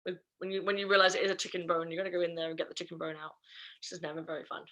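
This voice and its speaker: Lady dog trainer chatting thru a puppy class, bright clear voice, keeps correcting herself. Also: on the low side, fairly even intonation, very fast. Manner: chatty, self-correcting, playful put-on voices. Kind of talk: online group class.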